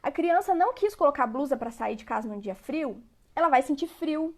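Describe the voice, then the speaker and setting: A woman's voice: sits high, lively intonation, a little fast. A woman giving a parenting lecture, conversational and repetitive, often checking in with her listeners. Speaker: parenting educator.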